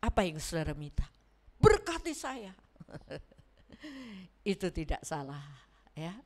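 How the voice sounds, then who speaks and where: A woman preaching a sermon in a church, animated and acting out the voices she quotes. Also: low-pitched, slow, a little hiss or hum. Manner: animated, acts out quoted voices, mixes in Javanese words.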